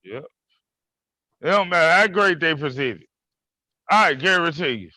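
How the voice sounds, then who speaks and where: Co-host, high lively voice, bright tense tone, blunt profane jabs, dry sound. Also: male voice, normal speed, no room sound. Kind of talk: heated debate.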